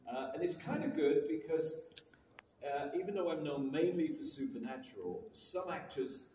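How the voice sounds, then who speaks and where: Speaking at a normal speed, this animated man has a warm voice on the high side. He is in his sixties, with a British accent touched by Canadian, and he's a talkative guest actor who pokes fun at himself while sharing anecdotes on a convention panel. The distant recording captures a large, echoing hall and the crowd.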